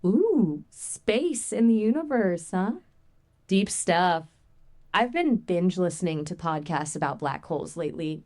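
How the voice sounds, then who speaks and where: A woman voices a conversational AI assistant, chatting casually in a playful, expressive, colloquial way. Her voice is lowish and unhurried.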